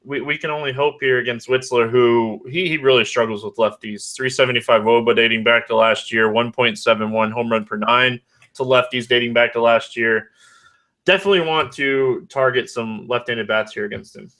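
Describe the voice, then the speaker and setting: Bright-voiced male podcast host. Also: medium pitch, fairly even intonation. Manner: brisk, stat-heavy delivery. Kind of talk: fantasy baseball analysis chat. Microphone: online call.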